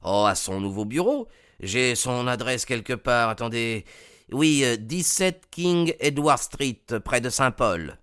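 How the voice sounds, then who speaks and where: A man voicing a vague, obliging landlord in an audiobook, hesitant and halting with fillers. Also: medium pitch, animated, a bit bright, clean tone, no room sound, clean studio sound. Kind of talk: audiobook character voice.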